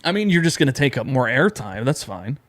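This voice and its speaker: A young man from upstate New York co-hosting a podcast, telling rambling, animated stories in casual chat. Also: medium pitch, brisk. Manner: animated storyteller, rambling with restarts. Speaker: podcast co-host.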